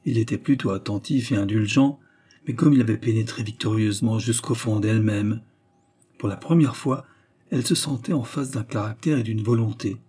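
A man narrating a literary novel as an audiobook in a measured, even storytelling manner. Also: on the low side, breathy edge.

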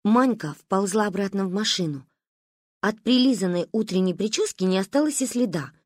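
Woman reading a story, lively and husky. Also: medium pitch, moderate pace, no room sound, studio quality. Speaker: audiobook reader. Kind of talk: storybook narration.

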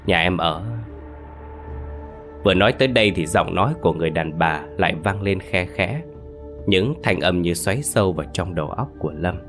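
A man narrating a ghost story in an expressive scripted storytelling style. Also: sits low, fast talker. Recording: faint background music.

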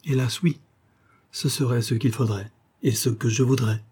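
A man reading aloud voices an earnest, reserved colonel who speaks in a measured way. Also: medium pitch, steady tone, warm tone, husky, lightly acted.

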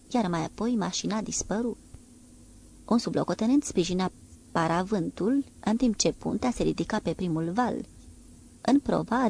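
Audiobook narrator, female, steady and measured, with some vocal fry. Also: medium pitch. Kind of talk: audiobook narration of a naval novel.

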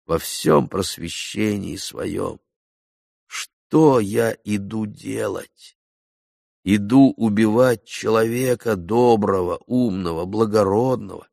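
A man reading a first-person literary audiobook as narrator, dramatic and emotional, slowing for emphasis. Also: low voice, gravelly, a little mellow, dry recording, clean studio sound.

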